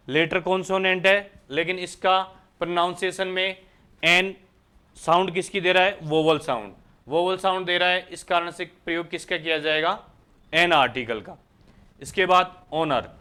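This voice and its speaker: A man's voice: sits high, bright, forceful tone, clear, resonant tone. A man from India teaching English grammar in a lecture, who keeps asking the class questions and answering them himself. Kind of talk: Hindi lecture explaining English articles.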